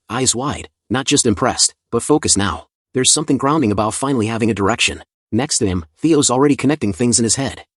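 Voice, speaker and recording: A man's voice: medium pitch, dry recording, clean studio sound. A man narrating a comic story recap in a casual, conversational scripted style with chatty asides.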